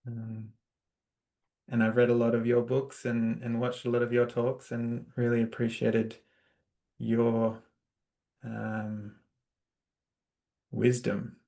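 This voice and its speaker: An Australian man hosting a spiritual interview podcast, talking casually with frequent fillers and soft laughs. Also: medium pitch, monotone, takes it slowly, gravelly, long pauses. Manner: warm-hearted, hesitant, with many fillers and laughs. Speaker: podcast host.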